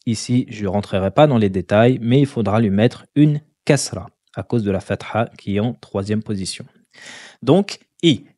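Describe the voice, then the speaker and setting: A man teaching Quran pronunciation step by step, patiently repeating syllables slowly and deliberately. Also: medium pitch, dark tone, no echo, studio quality.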